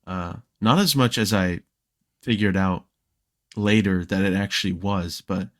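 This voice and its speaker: Low-voiced young man, casual podcast guest. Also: measured pace, dry recording, studio quality. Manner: relaxed storytelling with frequent fillers and restarts. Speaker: podcast guest, Minecraft creator.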